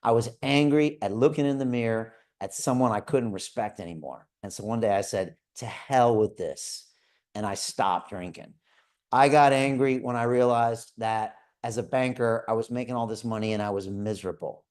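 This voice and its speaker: A man's voice: mid-range voice, moderate pace, darkish tone. A man hosting a live call, giving an earnest motivational talk and often checking in with "right?". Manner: earnest, repeats "right?" to listeners. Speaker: show host. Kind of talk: motivational livestream talk to viewers.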